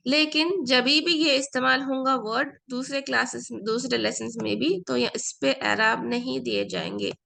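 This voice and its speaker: A woman with Urdu as her first language teaches an Arabic lesson. Her voice is a little high and heavily gravelly with vocal fry. She explains patiently, repeating key words and mixing in English phrases. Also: fairly even intonation, moderate pace, hardly any pauses, pushed and bright. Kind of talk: online class lecture.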